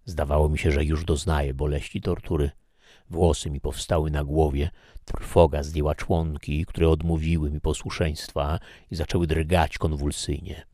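A man narrating an audiobook in a measured, even reading. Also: extremely low pitch, dry recording, studio quality.

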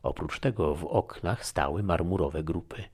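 Deep gravelly male audiobook narrator. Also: a little mellow. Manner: measured, formal storytelling. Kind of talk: scripted narration.

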